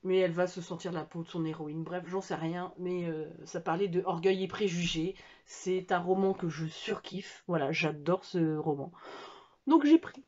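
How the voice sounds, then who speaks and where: A woman's voice: fairly low pitch, moderate pace, dark tone, lo-fi sound. A French woman chatting casually at home about books she bought, hesitant with many fillers and restarts. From France. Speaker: book vlogger. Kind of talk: casual book haul chat.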